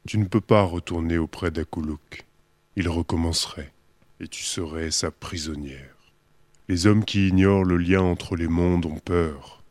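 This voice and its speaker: A man voicing a grave old grandfather seal, very deep. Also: a little slow, a little mellow, no room sound. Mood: solemn. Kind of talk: storybook voice acting.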